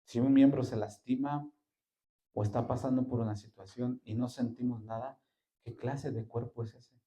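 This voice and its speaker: A man preaches in a mid-range voice. He shifts between quiet passages and loud, slowly drawn-out emphasis, and keeps turning to his listeners with rhetorical questions. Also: mid-range voice, fairly even intonation. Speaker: pastor. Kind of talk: sermon.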